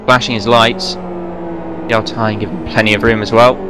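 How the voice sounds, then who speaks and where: A man giving fast, running play-by-play commentary on a sim race, now and then correcting himself. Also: medium pitch, fairly even intonation. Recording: race car engine noise behind voice. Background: racing car engines.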